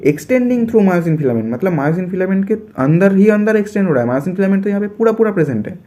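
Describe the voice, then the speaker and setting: A man's voice: high voice, expressive, brisk, dark tone. A young man from India teaching biology for an entrance exam, explaining step by step and repeating his points.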